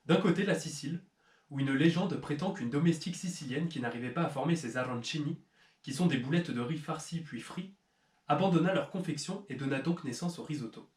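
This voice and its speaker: A man with a fairly high voice speaks a little fast, hosting a cooking channel video recorded with roomy echo. He explains history and ingredients playfully, teasing and cracking mock-serious jokes.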